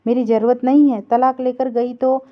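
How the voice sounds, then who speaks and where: A woman's voice: a little high, level tone, normal speed, lightly acted. A woman voicing a frightened young wife who pleads, in a dull lo-fi recording. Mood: pleading.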